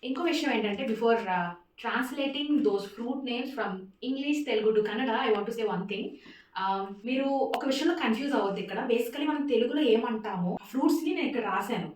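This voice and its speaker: A woman gives a relaxed spoken language lesson, saying each word slowly and repeating it. She slips English phrases into her explanations. Her voice rings in a very echoey room and sits a little distant from the mic. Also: fairly high pitch, a little hiss or hum. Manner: repeats words slowly for pronunciation, mixes in English. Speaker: language teacher.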